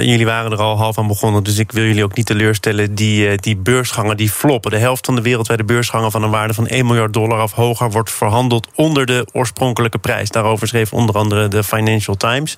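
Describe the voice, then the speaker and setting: A man's voice: medium pitch, dry recording. A man hosting a finance interview, asking pointed questions and steering the conversation between guests. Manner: brisk, probing questions. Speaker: host.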